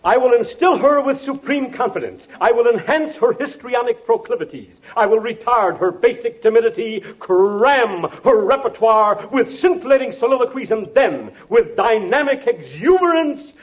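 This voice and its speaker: An actor playing a pompous bald professor in 1940s radio comedy, speaking in florid big words. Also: male voice, extremely high pitch, lively intonation, moderate pace, hardly any pauses. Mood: grandiose. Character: pompous bald professor posing as great movie producer. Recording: muffled old 1940s radio broadcast.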